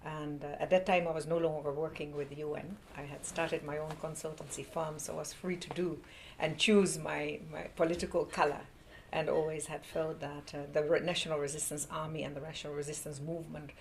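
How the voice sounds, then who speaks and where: A woman's voice: low-pitched, level tone, fairly quick, a little hiss or hum, rough recording. A woman from the Netherlands serving as an ambassador, answering interview questions with many hesitant fillers.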